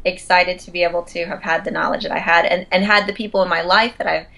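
A woman's voice: lowish voice, fairly even intonation, quick pace, creaky, bright, forceful tone. A woman in her thirties, a consultant to photographers, talking in a chatty, effusive way with frequent restarts during a casual interview. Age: 30s.

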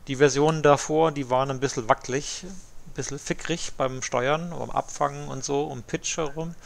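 A man's voice: medium pitch, steady tone, normal speed, gravelly. A man giving casual flight simulator commentary as a pilot, muttering to himself and mixing in English aviation terms.

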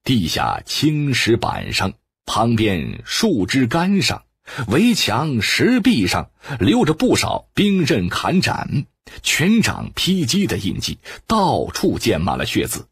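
A male audiobook narrator reading a wuxia novel in an expressive way. His voice is very husky and low, moving widely in pitch at an unhurried pace. The recording is dry and close. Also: no echo. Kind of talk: scripted narration of a martial arts novel.

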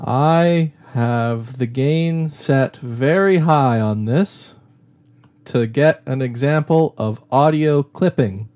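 Picture a man reading a test line slowly and deliberately, each phrase spaced out at an even, middle pitch. The input gain was set far too high, so his voice clips hard and a rattling, crunchy distortion sits on top of every word. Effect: clipped, distorted recording with a rattling crunch. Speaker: audio tutorial host. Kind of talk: slow, deliberate test-recording read.

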